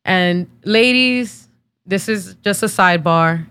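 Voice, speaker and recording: A woman's voice: on the low side, takes it slowly, a bit bright, clean tone. Candid woman telling a personal story. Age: 30s. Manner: casual and candid, frequent "like" fillers. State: tearful, emotional. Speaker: podcast host.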